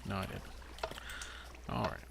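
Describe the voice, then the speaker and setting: A gaming channel host gives casual let's-play commentary at a measured pace in a very noisy recording. He rambles with lots of "uh" fillers, talks to himself while playing, and has the hiccups.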